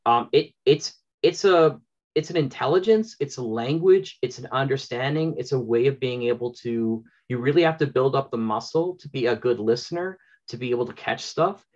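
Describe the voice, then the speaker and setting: A Canadian audio drama producer, appearing as an interview guest, talks casually and effusively in a rambling, enthusiastic way. His medium-pitched voice is a little mellow and moves at normal speed. He's indoors in a small home room with bookshelves, and the video-call audio sounds dull and lo-fi.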